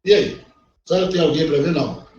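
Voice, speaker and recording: A man's voice: fairly high pitch, brisk, recorded from a distance. A middle-aged man with a Brazilian Portuguese accent teaching law in a recorded online class, talking bluntly and acting out the people he quotes. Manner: blunt and animated, acts out quoted voices. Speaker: law professor. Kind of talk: recorded online lecture, conversational. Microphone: online class call. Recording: dull, echoey audio with faint noise.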